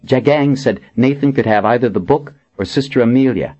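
A man's voice: medium pitch, brisk, dark tone, lo-fi sound, voice pushed up, natural voice. A man voicing a cheerful young woman who speaks with eager, breathless adoration.

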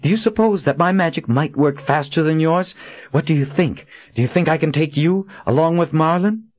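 A man voicing a fierce young queen who challenges her enemy with sharp, pointed questions in a raised voice. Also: fairly high pitch, moderate pace, no echo, highs cut off, pitched above the performer's own voice, lightly acted. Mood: defiant.

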